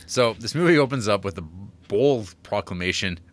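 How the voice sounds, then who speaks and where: A man's voice: on the low side, lively intonation, normal speed. A man hosting a film podcast with casual commentary on movies.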